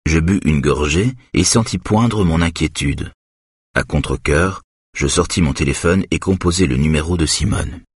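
Man narrating an audiobook, extremely low, husky voice, steady and measured. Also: no echo, clean studio sound. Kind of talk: first-person audiobook narration.

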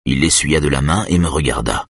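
A man narrating a novel in the first person, with a calm, measured delivery. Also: very deep voice, husky, no room sound, clean studio sound. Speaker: audiobook narrator.

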